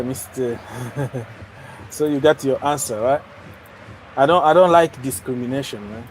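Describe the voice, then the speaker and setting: A man's voice: medium pitch, a little mellow, a little hiss or hum. A young man hosting a casual football livestream, joking around and talking straight to his viewers. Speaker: livestream host of a football channel.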